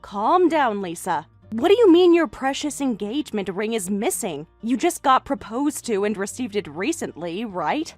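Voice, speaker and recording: A woman in her late thirties voicing a composed older sister who reasons calmly and stands firm when pushed, in a voiced text-message story. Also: fairly high pitch, moderate pace, few pauses, soft background music. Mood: reasoning. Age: late 30s. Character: composed older sister, single, near forty.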